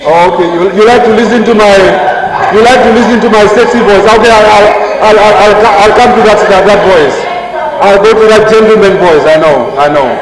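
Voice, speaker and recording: A man, a member of parliament, giving a forceful, combative debate speech full of rhetorical repetition. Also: high voice, brisk. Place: large parliament chamber. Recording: echoey debating chamber, murmuring members.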